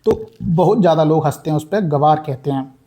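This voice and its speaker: A young exam coaching teacher gives a casual prep lesson in a fairly high, dark-toned voice, talking a little fast. He is chatty, repeats words, and often calls his viewers "brother."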